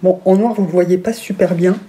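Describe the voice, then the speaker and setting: A woman's voice: on the low side, fairly even intonation, fairly quick, mellow. A woman vlogger chatting casually through a haul review, gushing with enthusiasm over each item.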